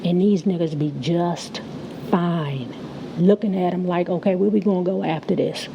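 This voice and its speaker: A woman's voice: lowish voice, normal speed, vocal fry, highs cut off, noisy background. A woman giving casual, blunt, profane gossip commentary in slangy speech, slightly slurred by the retainer in her mouth. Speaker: YouTube commentary host.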